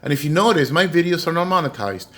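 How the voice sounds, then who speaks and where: A middle-aged man telling a childhood story at home for his vlog, rambling with many fillers and jumping into a high voice for quoted lines. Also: animated, fast, fairly bright tone. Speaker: doll collector vlogger.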